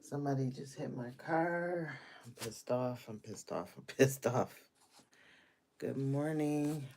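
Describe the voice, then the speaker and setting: A woman's voice: extremely low pitch, takes it slowly, darkish tone. A woman hosting a casual live stream, venting her frustration, repeating her greetings and complaints and swearing freely.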